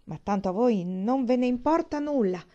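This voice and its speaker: Woman reading a flighty, gushing young lady for an audiobook, lively swoops, mellow tone. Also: on the high side, normal speed, lo-fi sound, pitched above the performer's own voice, natural voice. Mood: effusive.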